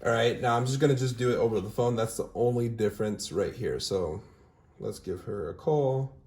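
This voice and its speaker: In an echoing room, a young sales-team recruiter casually demos callbacks via screen share and then a phone interview, upbeat and sprinkling in "all right?" and fillers. His voice is medium-pitched and a touch mellow, at a normal speed.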